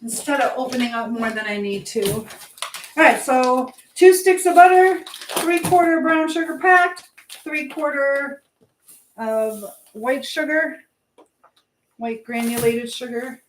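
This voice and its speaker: In a home kitchen with an echoey, noisy sound, a higher-voiced woman hosts a livestream and bakes as she talks. Her tone is steady and unhurried, and she reads out viewer comments and answers them in an informal, rambling way.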